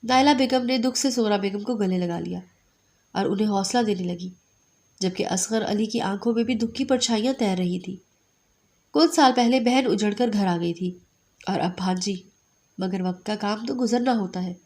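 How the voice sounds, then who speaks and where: A woman narrating a romantic novel in a steady storytelling delivery. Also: medium pitch. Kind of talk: romantic novel read aloud.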